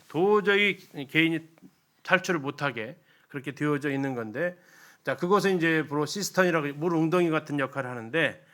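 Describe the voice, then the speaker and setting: A man leads a church Bible lecture in a bright, forceful voice pitched a little high. He explains things conversationally and keeps turning to the audience with rhetorical questions.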